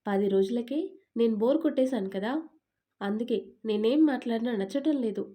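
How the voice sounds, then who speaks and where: A woman's voice: fairly high pitch, normal speed, mellow, lightly acted. A woman voicing a sulky, talkative young newlywed wife in an audio story, complaining in a pouting tone.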